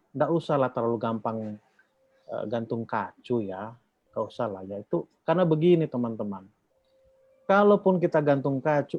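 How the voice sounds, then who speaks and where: A man from the Batak region speaks informally to a church group. He rambles, uses a lot of fillers and poses questions for the listeners to complete. The recording is dull and dry, like low-fidelity audio. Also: darkish tone, dry recording. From Batak, North Sumatra.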